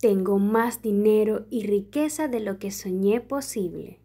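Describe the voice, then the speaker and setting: Slow, soft-spoken woman reading a prayer. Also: medium pitch, breathy edge. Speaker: prayer reader. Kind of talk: slow guided prayer and affirmations.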